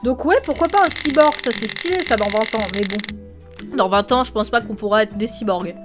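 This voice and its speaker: A woman's voice: on the high side, fairly quick, music in the background. A woman doing let's-play commentary, reading game choices aloud with sarcastic, exasperated asides. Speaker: gaming YouTuber.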